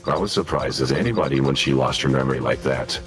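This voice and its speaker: Smug caller, voice changer pitched very deep. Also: male voice. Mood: taunting. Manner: smug, taunting, unhurried. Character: mocking male mastermind caller, smug and taunting. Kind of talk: fan dub of a video game.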